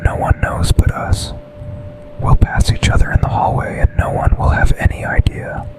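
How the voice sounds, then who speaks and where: Using his natural voice on a low-quality recording, a man whispers as an office boss who's intense and possessive yet tender, in an intimate ASMR boyfriend roleplay. His phrases are short, breathy, and deliberate, and the mood is hushed and fond.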